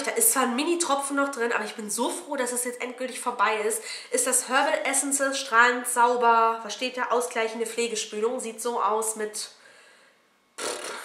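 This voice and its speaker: A woman's voice: fairly high pitch, pushed and bright. Cheeky woman vlogger in an echoey room. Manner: cheeky, jokey, swears casually. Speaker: beauty vlogger. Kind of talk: casual product review chat. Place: at home indoors. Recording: roomy echo, faint noise.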